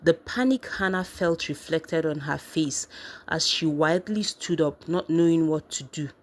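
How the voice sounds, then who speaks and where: A woman narrating a family drama story in a steady, even reading voice. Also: low-pitched, a little slow.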